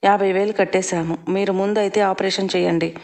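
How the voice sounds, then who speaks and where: A gentle, caring mother speaks in a soft, reassuring tone, as a woman storyteller puts her on. Her voice stays level, with little rise or fall. She sounds affectionate and steady. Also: medium pitch, brisk, lightly acted.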